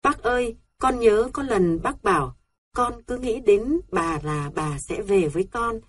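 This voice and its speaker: A woman's voice: mid-range voice, lively intonation, measured pace, slightly rough, voice pushed up. A woman voicing a young girl tearfully calling out to her late aunt in a storybook reading. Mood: tearful pleading. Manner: pleading, tearful.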